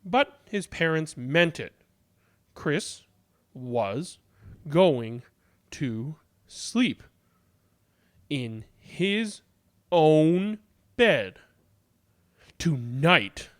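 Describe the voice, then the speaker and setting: A man reading a children's story aloud in an expressive, dramatic way, drawing words out deliberately. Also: a little high.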